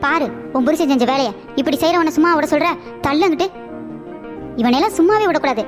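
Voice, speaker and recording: Woman voicing a cartoon neighbor lady, indignant, scolding, high voice. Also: quick pace, music in the background, natural voice. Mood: egging on. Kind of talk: animated cartoon voice acting.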